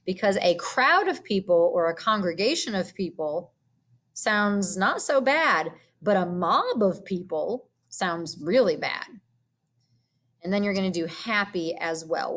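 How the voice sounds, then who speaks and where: A woman teacher patiently walking students through a vocabulary activity, explaining each step with gentle hums and fillers. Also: mid-range voice. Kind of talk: recorded classroom lesson walkthrough.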